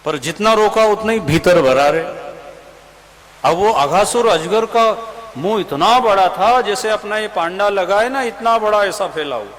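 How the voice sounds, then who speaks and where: A man preaching a devotional scripture sermon to a live gathering, telling the story in an animated way and asking the audience questions. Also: high-pitched, unhurried. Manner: animated storyteller, acts out the characters' lines; asks the audience questions directly. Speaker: Bhagavat katha preacher.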